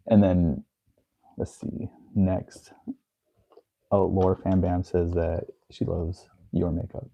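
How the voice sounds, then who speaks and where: Very deep husky man reading chat. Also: fairly even intonation, very slow, pauses often, dull audio. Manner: reads chat comments aloud, laughs a lot. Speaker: co-host reading viewer questions. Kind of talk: casual live-stream chat.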